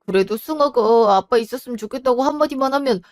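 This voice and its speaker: A woman's voice: fairly high pitch, fast talker, darkish tone, faint music behind, close to an everyday voice. A woman voicing a cheating husband and father who pleads and makes excuses in a defensive, wheedling way. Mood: pleading. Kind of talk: storybook voice acting.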